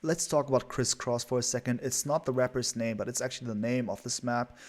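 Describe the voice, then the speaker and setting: A man's voice: mid-range voice, fairly even intonation, fairly quick. A man casting a strategy game live, chatty and rambling with lots of fillers. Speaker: esports caster.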